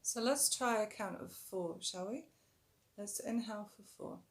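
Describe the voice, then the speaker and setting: A yoga teacher with a medium-pitched, slightly rough voice leads a calm, instructive breathing tutorial, occasionally stretching out words and becoming softer as she directs the breath.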